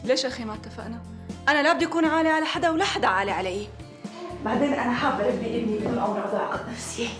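Brief: actress playing a rapid-fire, high-voiced Syrian widow standing her ground. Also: music in the background, natural voice. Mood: defiant. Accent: Syrian Arabic. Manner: argumentative, defiant. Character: young widow, defiant and sharp-tongued.

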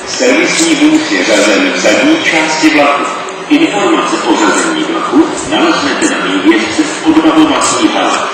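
A man reading a formal, scripted railway station announcement in a measured way over a distant loudspeaker. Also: lowish voice, animated, over loud music. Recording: noisy echoing station loudspeaker from far off.

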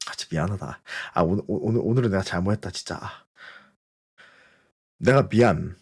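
A man live-streaming, joking with his viewers in a mock-threatening way, then apologizing again and again in quick repeated bursts. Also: low-pitched, a little mellow, breathy edge. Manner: fast repetitive interjections.

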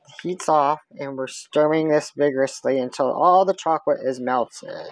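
Recorded dry and with poor audio by a camera on the counter, a home cook with a low voice walks through a recipe at a moderate pace. She keeps chatting casually, step by step, while stirring.

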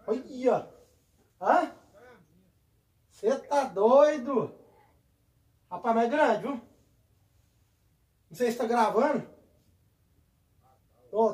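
A man, narrating a fishing vlog from a windy platform on the water and excitedly calling out to his viewers. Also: very high-pitched. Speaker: fishing vlogger. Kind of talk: casual outdoor fishing vlog.

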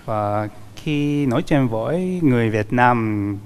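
Người đàn ông giọng Nhật nói chậm rãi ngập ngừng. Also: male voice, mid-range voice, animated, a little mellow, smooth, long reverb tail. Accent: Japanese. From Japan. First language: Japanese. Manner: slow, hesitant, searching for words. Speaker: dating show contestant. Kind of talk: halting broken Vietnamese.

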